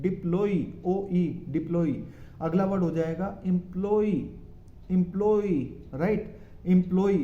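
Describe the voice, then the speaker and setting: A man with an Indian English accent gives a pronunciation lesson. He repeats each word several times and checks in with "right?". His voice is dark and mellow, and it sits a little high for a man. The recording is roomy and a bit dull. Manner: drills words by repeating them, often asks "right?". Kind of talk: spoken language lesson.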